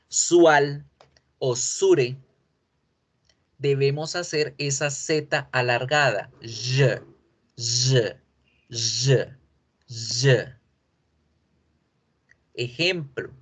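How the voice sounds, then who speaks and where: Male teacher, slightly high voice, slow drilling delivery, patient pronunciation lesson. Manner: patient, repeats each word several times as a drill. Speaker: English teacher.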